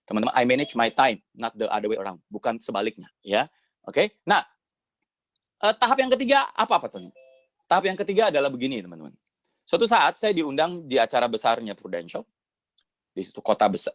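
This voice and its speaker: A man giving a motivational storytelling talk to a sales team, lively and conversational, acting out bits of dialogue. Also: mid-range voice, a little fast, no room sound. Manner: lively, acts out quoted dialogue, keeps addressing the audience as friends; plain conversational delivery with frequent fillers. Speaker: guest speaker at a sales team meeting.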